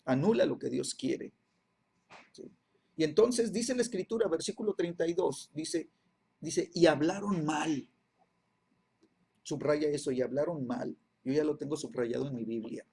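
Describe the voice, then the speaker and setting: A man's voice: a little high, animated, normal speed, gravelly, warm tone, slightly rough. A man teaching a Bible class, repeating phrases and checking in with his listeners after nearly every line. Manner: constant "¿sí?" and "¿verdad?" check-ins, repeats phrases.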